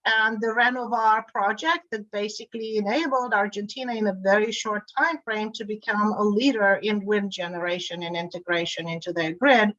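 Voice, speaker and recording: A woman's voice: mid-range voice, fairly even intonation, moderate pace, few pauses, a bit bright, dry recording, dull audio. A middle-aged woman from Bulgaria, a guest in an interview, speaking fluently but often repeating words as she restarts. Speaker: guest, energy grid board chair. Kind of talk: remote interview conversation.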